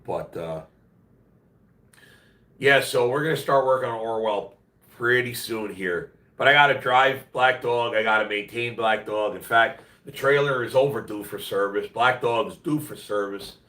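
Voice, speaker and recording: With a mid-range voice, a measured pace and a sharp tone, a sick man hosts a casual, rambling livestream from home. He's blunt and slangy, sounding congested, nasal and worn out, and a distant mic picks up the echo of a roomy room.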